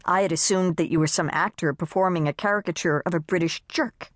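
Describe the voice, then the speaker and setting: A woman's voice: on the low side, fairly quick, no room sound, clean studio sound, close to an everyday voice. A woman voicing a witty, nervous pregnant housewife who teases with wisecracks. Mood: teasing. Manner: wisecracking, teasing.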